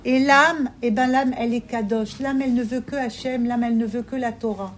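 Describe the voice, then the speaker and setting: High-voiced fervent woman preacher. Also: steady tone, brisk. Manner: fervent and pleading, with emphatic repetition. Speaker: religious women's teacher. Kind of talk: impassioned sermon to a women's gathering.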